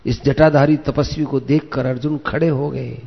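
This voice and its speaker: A man telling a devotional epic story in a slow, measured way, with small slips. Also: mid-range voice, fairly even intonation, gravelly. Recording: echoey, dull lo-fi recording.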